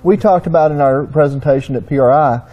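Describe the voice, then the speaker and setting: A man's voice: on the high side, quick pace, lo-fi sound. A middle-aged man with a Southern US accent, explaining engine surfaces at a whiteboard in a folksy, storytelling way. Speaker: engine consultant.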